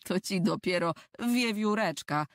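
A woman's voice: mid-range voice, takes it slowly, dry recording, studio quality. Woman doing a cheerful older brother. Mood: amused. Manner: amused, kindly.

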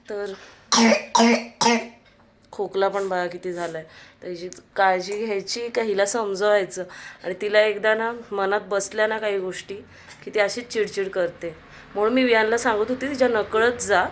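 A woman vlogging at home, coaxing and chiding her children, then confiding to the camera. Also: medium pitch. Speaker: family vlogger and mother. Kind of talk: casual home vlog chat. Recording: loud background noise.

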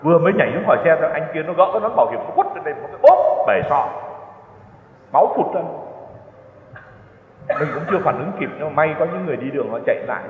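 Slightly high-voiced, an older priest chats through personal anecdotes at a retreat sermon, laughing at his own tales. The large church hall echoes, and the sound is tinny and lo-fi, almost like a phone.

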